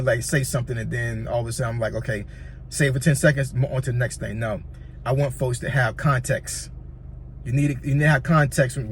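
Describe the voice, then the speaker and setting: This mid-range male voice belongs to a YouTuber from Virginia, USA, whose Southern accent colors his casual, meandering tutorial talk. He repeats himself often and checks in with "you know what I'm saying," with slight background noise.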